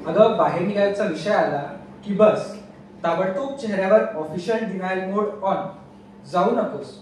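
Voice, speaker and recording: High-voiced young man in an echoey hall. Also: normal speed. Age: young adult. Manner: teasing, mock-exasperated delivery. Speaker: student poet. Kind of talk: humorous poem recital. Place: large echoey hall on stage. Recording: echoey hall from far off, faint noise.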